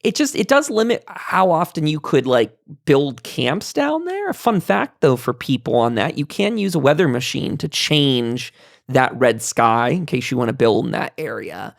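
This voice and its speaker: Hosting a laid-back podcast panel on gaming, this man rambles, interrupts himself often, and hedges aloud. His gravelly mid-range voice swings widely in pitch at a moderate pace, captured as clean studio sound without echo.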